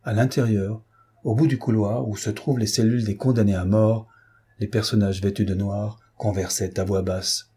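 A man reading a novel aloud as an audiobook, in measured, grave narration. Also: lowish voice, flat delivery, mellow, husky. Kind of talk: scripted literary narration.

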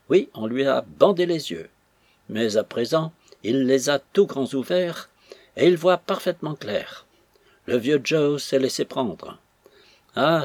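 A man voicing a pompous, blustering old army major, with a husky voice and indignant exclamations. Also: medium pitch, a little mellow, dry recording.

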